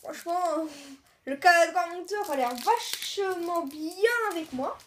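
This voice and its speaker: Woman host with a high pitch, easygoing and a bit halting, talking viewers through an unboxing. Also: slight background noise. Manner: halting, chatty, lists names one by one. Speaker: video host. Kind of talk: casual card-unboxing commentary.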